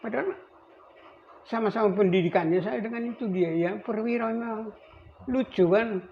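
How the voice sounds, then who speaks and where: An elderly man in his eighties, a navy veteran, recalling his service in a rambling, halting way with many restarts. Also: sits high. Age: 80s. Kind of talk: recorded interview. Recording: dull lo-fi recording with faint noise.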